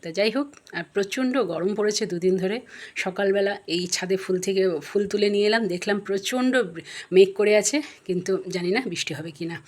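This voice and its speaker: A woman's voice: mid-range voice, a bit bright, rough recording. A woman in her fifties, chatting homely and rambling as she cooks in her home kitchen, filmed on a phone camera. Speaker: cooking vlogger. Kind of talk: casual home vlog chat. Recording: home recording with frying noise.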